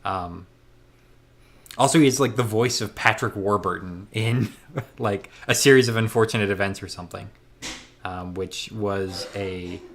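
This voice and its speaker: A man casually describing characters in a tabletop role-playing game, conversational and animated, slipping into acted quotes. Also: on the low side, a little hiss or hum.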